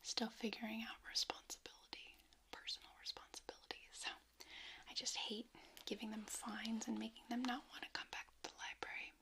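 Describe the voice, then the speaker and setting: A woman speaking in a hushed library whisper, doing a whispered role-play as a friendly, chatty librarian. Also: a little high, level tone, brisk. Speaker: ASMR performer playing a librarian. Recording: clear background noise, handling clicks.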